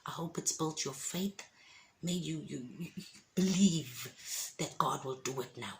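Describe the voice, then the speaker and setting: A woman's voice: low-pitched, measured pace, slight background noise. A woman, giving an emphatic, encouraging faith testimony in a casual vlog. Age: 50s. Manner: emphatic and encouraging, preachy asides.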